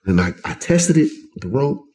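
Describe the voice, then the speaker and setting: A middle-aged man telling his own story as an interview guest, emotional and halting, often restarting his words. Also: mid-range voice, sing-song, darkish tone. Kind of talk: personal testimony in an interview.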